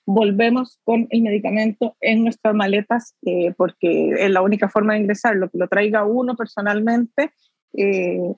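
A woman's voice: medium pitch, steady tone, moderate pace, no echo. Earnest mother speaking on a dull, dry line. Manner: earnest, heartfelt, frequent "eh" fillers. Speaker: interview guest, mother. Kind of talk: conversational interview.

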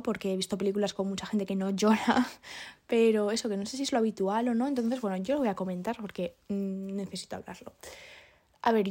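A young woman, talking alone in a casual, confessional way, chatty and self-deprecating, often laughing and filling pauses. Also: mid-range voice, warm tone. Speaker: podcast host.

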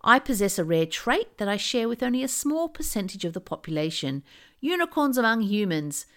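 A woman hosting a podcast, reading scripted narration in a measured, dramatic nature documentary manner. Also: medium pitch, very animated, fairly bright tone. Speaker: podcast host.

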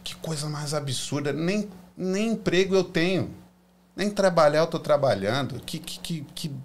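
A Brazilian man, a guest in a casual interview, telling his story in an animated, emotional way. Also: on the high side, moderate pace, slight background noise.

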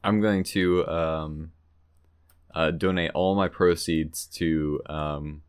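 A man's voice: extremely low pitch, steady tone, takes it slowly, clear, resonant tone. A man co-hosting a podcast in casual chat, hesitant with many ums and dry teasing, on a home mic over a call. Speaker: podcast co-host. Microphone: home mic over Discord call.

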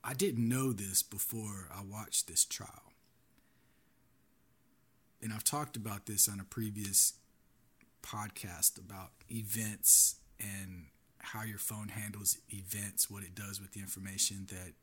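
A man's voice: on the low side, steady tone, takes it slowly, fairly bright tone. A man hosting his own podcast, giving earnest solo commentary with a warning tone. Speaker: podcast host.

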